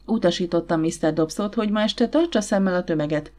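A woman's voice: lowish voice, a little mellow, close to an everyday voice. A woman reading the lines of a brusque, commanding nobleman in an audiobook. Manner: curt, blunt.

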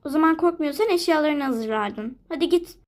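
A woman's voice: sits high, expressive, moderate pace. A woman voicing a mother pet in a toy figure video, reassuring but scolding.

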